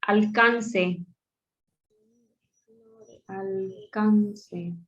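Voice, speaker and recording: Slow, patient woman teaching a class. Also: mid-range voice, steady tone, a bit bright. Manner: slow, repeats words aloud while pointing them out. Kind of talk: classroom lesson. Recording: dull lo-fi sound.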